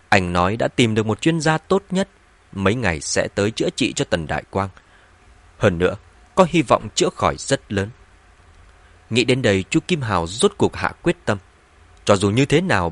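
A man narrating a web novel audiobook in an expressive, dramatic reading. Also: fairly low pitch, dry recording.

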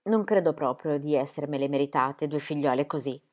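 A woman's voice: low voice, brisk. A woman voicing an anxious, placid grandmother who laments her family's troubles. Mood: plaintive. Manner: calm, plaintive.

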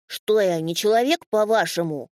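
A woman's voice: mid-range voice, moderate pace, darkish tone, no room sound, clean studio sound, lightly acted. A woman voicing a scruffy, cheeky little imp who is blunt and easily offended. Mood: indignant. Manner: blunt and indignant.

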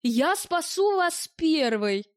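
A woman's voice: extremely high pitch, very animated, slow pace, no echo, voice pushed up, exaggerated voice. A woman reading an audiobook and voicing a composed male rescue-team chief who answers with dry irony. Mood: wry. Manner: dry, ironic.

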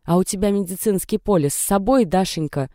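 A man's voice: sits high, a little fast, dark tone, dry recording, clean studio sound, pitched above the performer's own voice. A man voicing a flustered, fretting grandmother who fires off anxious questions.

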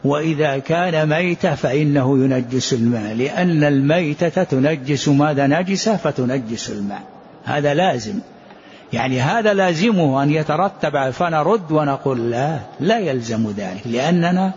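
A man's voice: a little high, animated, moderate pace, a little mellow, breathy edge. A man teaching a religious law lesson, explaining a text, addressing his listeners and asking questions that he answers himself. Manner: poses rhetorical questions and answers them. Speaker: Islamic jurisprudence teacher. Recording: dull lo-fi lesson recording.

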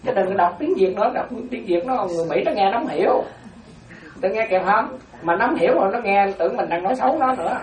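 A woman delivering a Buddhist dharma talk with a lively, rising and falling voice, keeping her listeners close with frequent check-ins. She is recorded from some distance, with a roomy echo around her. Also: mid-range voice. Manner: keeps asking the audience if they follow; animated, repeats terms slowly. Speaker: Buddhist nun teaching.

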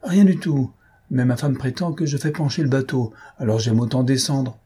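A man's voice: medium pitch, normal speed, dark tone, breathy edge, voice pushed up, natural voice. A man voicing a fretful, jealous husband who talks in an uneasy, grumbling way.

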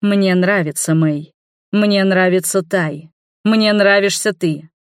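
A woman voicing a gentle young man who speaks calmly, softly and slowly. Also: lowish voice, no room sound, studio quality, natural voice. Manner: calm, soft and slow. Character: calm gentle man, shapeshifter lover.

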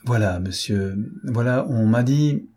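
A man reads a desperate, penniless young poet in an audiobook, a timid man who falters as he asks for help. The voice is dark and husky, soft and hesitant. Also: mid-range voice, takes it slowly. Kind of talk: audiobook character voice.

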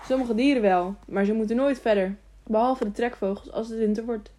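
A woman's voice: fairly high pitch, a little fast, warm tone, lightly acted. A woman voicing a lonely, simple-minded young man who asks childlike, repetitive questions. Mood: eager.

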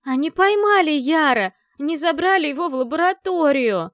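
A woman reading a fierce young woman athlete, voicing her with shrill, frantic outbursts in a storybook reading. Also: very animated, fast, creaky, darkish tone, no room sound, studio quality. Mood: panicked.

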